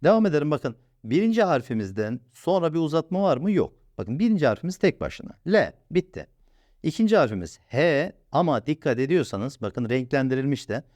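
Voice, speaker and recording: A patient male teacher leads a recorded lesson, posing questions and answering them himself. His voice moves up and down a lot as he stretches out sounds slowly for the learner. The sound is dry and close, with no room echo. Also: a little high, big pitch swings, a little mellow. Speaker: Quran reading teacher.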